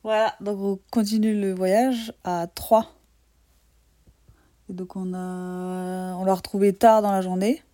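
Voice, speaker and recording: Teasing young woman, warm voice. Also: mid-range voice, level tone, slow. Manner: teasing, sarcastic banter. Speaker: podcast co-host. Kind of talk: casual travel chat.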